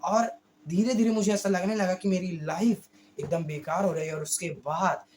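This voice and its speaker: A male YouTube creator with a hoarse voice, giving a casual motivational monologue slowly, often stumbling and correcting himself. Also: sits high, fairly even intonation, darkish tone, slight background noise. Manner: talks slowly on purpose, with frequent slips and self-corrections.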